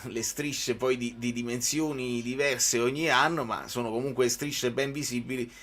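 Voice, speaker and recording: A man's voice: mid-range voice, steady tone, normal speed, a bit bright. Man doing casual football commentary. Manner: conversational, informal, chatting to viewers. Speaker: football live-stream commentator. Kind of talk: live match commentary mixed with casual fan chat.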